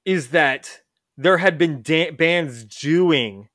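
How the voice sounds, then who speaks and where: A man's voice: fairly high pitch, extremely slow, a bit bright, no room sound, clean studio sound. A man hosting a casual music chat, rambling and often correcting himself mid-sentence. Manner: rambling, self-correcting, lots of restarts. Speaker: podcast host.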